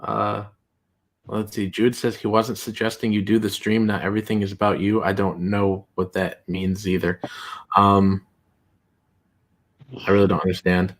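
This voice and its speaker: A man hosting a casual livestream, reading chat aloud in a rambling, halting way with many fillers. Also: fairly low pitch, flat delivery.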